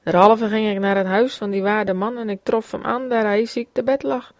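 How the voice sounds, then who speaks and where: A woman reading an old religious memoir aloud in a steady, solemn way. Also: mid-range voice, normal speed, dry recording. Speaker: reader. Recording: dull, dry, slightly lo-fi recording.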